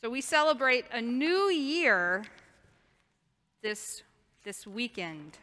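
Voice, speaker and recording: A woman's voice: a little high, sing-song, takes it slowly, pushed and bright. A woman pastor giving a sermon in plain, explanatory language in a large church. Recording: reverberant church hall.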